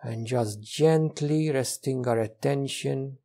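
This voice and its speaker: A man with a medium-pitched voice teaches a guided meditation, speaking softly in short, relaxed phrases and leaving long pauses.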